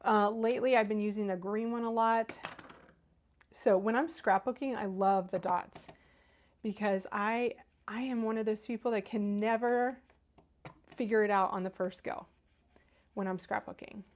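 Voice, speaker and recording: A middle-aged woman from Northern Kentucky, with an Ohio-like Midwestern American accent, chats enthusiastically while making cards on a live stream and reading viewers' comments. Her mid-range voice stays steady at a normal speed, and she keeps talking as she works.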